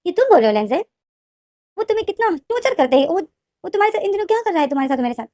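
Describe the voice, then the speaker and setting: A woman's voice: high-pitched, fairly even intonation, fast, dark tone, no echo. A woman voicing a hurt, tearful young man in a storybook retelling, speaking in pleading, self-blaming outbursts. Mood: indignant.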